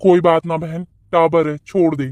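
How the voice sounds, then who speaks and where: A mild-mannered farmer in a cartoon, voiced by a man, patiently trying to smooth things over. His voice sits high for a man, and the recording is dry and close. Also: little pitch movement, normal speed, a little mellow, no room sound, natural voice. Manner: placating, patient. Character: mild-mannered farmer, older brother-in-law.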